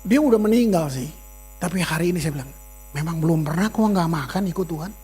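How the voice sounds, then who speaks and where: A middle-aged man from Ambon preaching a sermon, a lively storyteller who slips into casual slang and acts out the voices of people he quotes. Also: a little high, fast, a little hiss or hum. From Ambon, Indonesia. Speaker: pastor. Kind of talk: sermon with personal stories.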